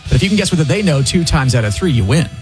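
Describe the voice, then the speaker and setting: A man's voice: a little high, big pitch swings, racing, soft background music. A man co-hosting a casual radio show, explaining a game with jokes. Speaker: show co-host.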